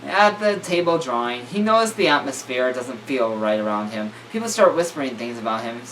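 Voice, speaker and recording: Guy reading a creepy story out loud, trips on words a lot, bouncy voice, kinda far from the mic w/ some hiss. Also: mid-range voice, lively intonation, fairly quick. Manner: stumbling, self-correcting, joking asides. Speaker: reader. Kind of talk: reading a horror story aloud. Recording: distant mic with faint room noise.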